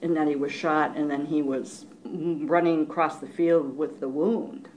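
A woman's voice: sits low, fairly even intonation, a little slow, darkish tone, a little hiss or hum, poor audio. A woman interviewer asking short, direct questions in an interview.

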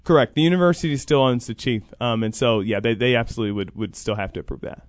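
A man with a mid-range voice talks at a quick pace, recorded in a clean studio with no echo. He's an interview guest on a radio talk show, a college athletics program coordinator, explaining things at length through careful, qualified points.

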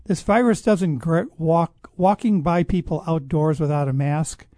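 A man with a mellow voice that sits a little high talks through his views in a measured, explanatory way. He often stops and restarts his sentences. The sound is dry and close. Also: no echo. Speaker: guest expert on public health. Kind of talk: conversational interview answers.

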